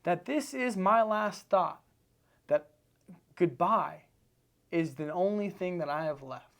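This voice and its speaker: A man's voice: high voice, expressive, slow, vocal fry, a bit bright. A man from Seattle, a podcast guest, talking earnestly in a casual interview with repetitive, emphatic phrasing. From Seattle, United States.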